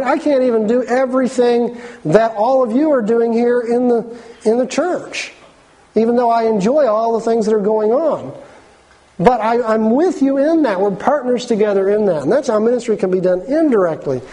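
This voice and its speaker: A man preaching to a congregation, engaging them with questions and call-and-response, slowing down to stress key phrases. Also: very high voice, mellow, low-quality recording. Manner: engaging, asks the congregation to repeat lines. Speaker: pastor. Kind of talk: interactive sermon.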